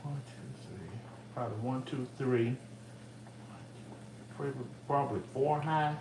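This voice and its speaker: A middle-aged man cooks at home and chats casually with his audience and pets for his vlog. He has a mid-range voice and a measured pace, captured by a distant mic in an echoey room with background noise.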